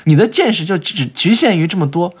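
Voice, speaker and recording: A man as a podcast guest, telling travel stories in an animated way, with frequent filler sounds and restarts. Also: high voice, a little fast, breathy edge. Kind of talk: conversational storytelling in a podcast interview.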